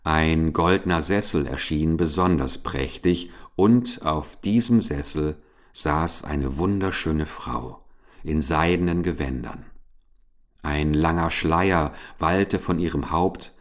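Ruhiger Märchenerzähler mit sehr tiefer Stimme. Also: male voice, rumbling low. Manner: calm, measured storytelling. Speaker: narrator. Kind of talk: fairy-tale audiobook reading.

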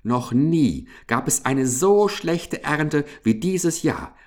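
A man's voice: mid-range voice, expressive, slow. A man doing a stingy, grumbling fat hamster. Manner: grumbling, blustering, self-pitying.

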